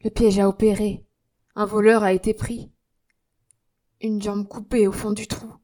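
A woman reading aloud voices a stern young man who gives orders and threatens in a loud, commanding tone. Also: medium pitch, level tone, measured pace, natural voice. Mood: dismayed. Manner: commanding, menacing.

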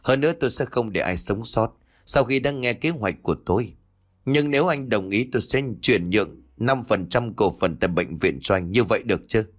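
A man reading a story aloud and voicing a ruthless rich boss who speaks slowly in a commanding, threatening way. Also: fairly low pitch, expressive, a bit bright. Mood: menacing. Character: ruthless rich older hospital boss, menacing.

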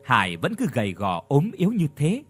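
A man narrating a scripted audio story in an expressive, dramatic storytelling manner. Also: medium pitch, brisk, soft background music.

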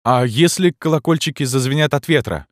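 A man's voice: medium pitch, fairly quick, no echo, clean studio sound, pitched above the performer's own voice, lightly acted. A man voicing an anxious, talkative young male poet who protests nervously. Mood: worried.

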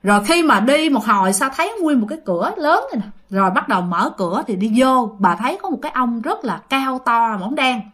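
A woman's voice: on the high side, expressive, fairly quick, few pauses, fairly bright tone. A woman with a Southern Vietnamese accent, telling ghost stories in a chatty, casual way, repeating phrases and speaking straight to her listeners. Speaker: ghost story host. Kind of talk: casual spoken storytelling.

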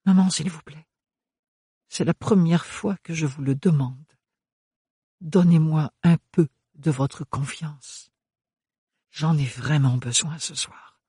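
A man doing a reserved young woman in a storybook, pitched a little higher than his own voice, soft-spoken and earnest. The recording is close and dry. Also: slow, pauses often, breathy edge, no room sound, full character voice. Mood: pleading.

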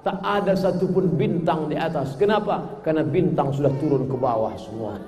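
A man preaching a sermon with humor, chanting verses and then explaining them, rising to shouted emphasis. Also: on the high side, normal speed. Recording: echoey hall, faint noise.

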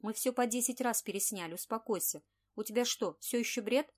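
A woman voicing a drunk, impatient male film director who shouts, in an audiobook reading. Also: a little high, fairly quick, close to an everyday voice. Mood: exasperated. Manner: shouting, exasperated.

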